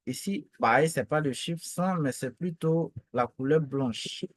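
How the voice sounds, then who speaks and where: A male teacher walks through tones one syllable at a time. He speaks slowly and patiently, with a repeated, drilling manner. His voice sits in a dry, close space with no reverb. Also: fairly high pitch. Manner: patient, repeats each syllable several times. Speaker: language teacher.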